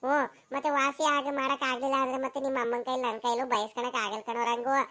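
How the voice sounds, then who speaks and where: A woman's voice: high voice, flat delivery, fast, pushed and bright. A woman voicing a young village woman in a cartoon, scolding her sweetheart with dramatic sighs. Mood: fretful. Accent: Karnataka rural Kannada. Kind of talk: cartoon voice acting.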